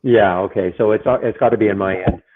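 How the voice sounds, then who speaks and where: A man hosting a trading live stream, talking in a hesitant, halting way, his voice muffled as if he were inside a fishbowl. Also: on the low side, steady tone. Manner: hesitant, halting, repeats himself. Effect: muffled sound, as if inside a fishbowl. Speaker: day-trading livestream host. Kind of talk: casual live-stream chat. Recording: muffled, tinny wrong-mic audio.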